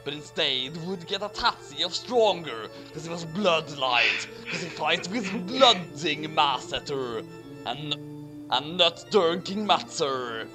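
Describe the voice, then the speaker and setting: Slow and animated, a mid-range voice delivers a garbled fan story as a comic dramatic reading. The speaker hosts in a theatrical, mock-outraged way while music plays behind.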